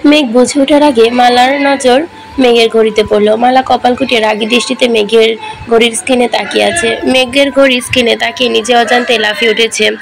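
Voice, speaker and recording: A woman reading a romantic story aloud, in steady storybook narration. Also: fairly high pitch, brisk, creaky, soft background music, low-quality recording.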